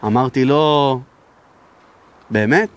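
A man, a rabbi from Israel, giving a sermon and telling stories, sometimes raising his voice for emphasis. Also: mid-range voice. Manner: raises his voice to be heard, emphatic. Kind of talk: sermon with storytelling.

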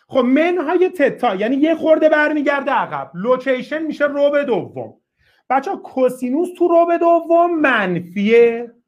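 A woman teaching a math class, repeating key points, urging students to answer fast and praising them with short exclamations. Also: sits high. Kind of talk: classroom lecture.

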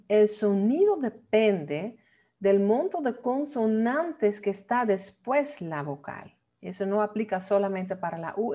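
A woman teaching a lesson on Dutch pronunciation, playful and repeating words slowly as drills. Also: mid-range voice, darkish tone. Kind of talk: online language lesson.

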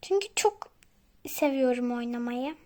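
A woman hosting a gaming channel, chatting excitably to her viewers as she plays. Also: high-pitched, measured pace. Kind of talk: casual gameplay commentary.

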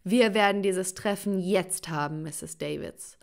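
A woman voicing an angry, threatening male school principal in an animated story. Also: fairly low pitch, a little slow, gravelly. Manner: scolding, threatening.

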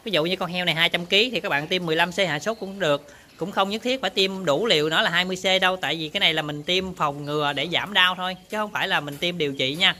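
A man's voice: high-pitched, quick pace, pushed and bright, a little hiss or hum. A man casually talks viewers through work in his pig barn, often turning to address them. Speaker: pig farmer vlogger. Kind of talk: casual on-farm demonstration.

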